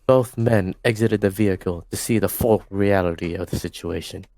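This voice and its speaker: A young man narrates fan fiction for a group reading from his home mic on a voice call. His voice is fairly low and his delivery stays steady. He stumbles now and then and corrects himself. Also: normal speed. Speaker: host and narrator.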